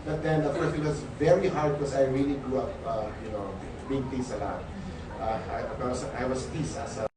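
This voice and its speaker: A man's voice: medium pitch, steady tone, fairly quick. Filipino man, stammers through his story, distant and echoey, noisy hall. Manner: stammering, many repeated words. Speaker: speaker at a company event. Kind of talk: personal success story.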